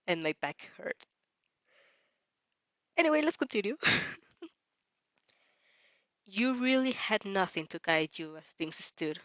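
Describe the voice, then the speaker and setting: In a lo-fi recording with no room sound, a woman with a fairly low yet slightly bright voice narrates a fan fiction aloud and reacts to it. She keeps it informal, tripping over words at times and tossing in joking asides about it.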